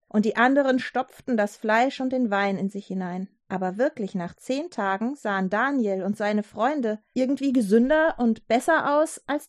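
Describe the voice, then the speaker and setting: Lively woman reading a children's story. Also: a little high, no echo, clean studio sound. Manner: lively, chatty asides. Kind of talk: children's Bible story narration.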